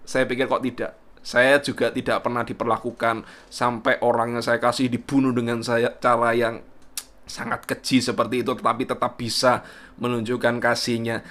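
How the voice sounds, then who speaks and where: A man's voice: mid-range voice, level tone, moderate pace, fairly bright tone. A man, a pastor, introducing a testimony video in an earnest, conversational way. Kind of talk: sermon introduction.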